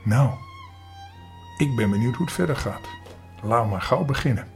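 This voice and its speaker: An older man, a grandfather, reading a children's story aloud in a lively, expressive way. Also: medium pitch, moderate pace, vocal fry, loud music behind the voice.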